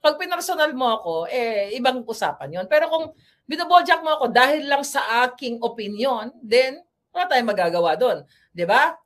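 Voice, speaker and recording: A woman's voice: sits high, animated, moderate pace. Blunt, chatty Filipino woman vlogger. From Philippines. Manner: blunt, combative, chatty, switches between Tagalog and English. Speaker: political commentary vlogger. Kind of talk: casual political commentary monologue.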